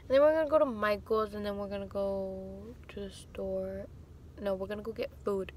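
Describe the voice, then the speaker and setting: A woman's voice: mid-range voice, moderate pace, darkish tone, slight background noise. A young woman chatting casually to camera as a vlogger, recorded on a phone held at arm's length inside a car. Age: young adult.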